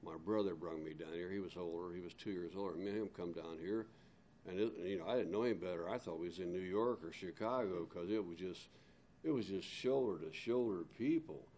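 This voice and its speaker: Older man, very deep voice, easygoing barber reminiscing, faint ambient noise. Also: fairly quick, warm tone. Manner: easygoing, reminiscing, hesitant fillers. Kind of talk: casual conversation.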